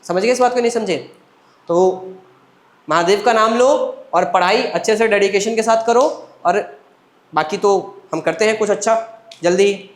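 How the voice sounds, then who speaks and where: A man's voice: high voice, normal speed, reverberant. A male science teacher giving a lecture. He asks his students questions, answers them himself, and keeps repeating the point in a coaxing way. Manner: repetitive, coaxing, calls students children. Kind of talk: classroom lecture.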